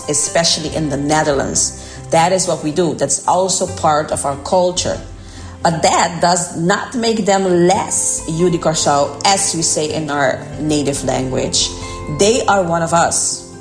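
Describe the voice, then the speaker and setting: A woman with a low voice speaks as a football fan, earnest and proud. Soft music plays behind her. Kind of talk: scripted vox pop.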